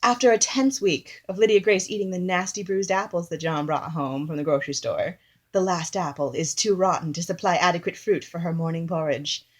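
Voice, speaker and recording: A woman's voice: fairly low pitch, fairly quick. Giggly woman reading comic diary entries. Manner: chatty, giggly storyteller. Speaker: comedy performer.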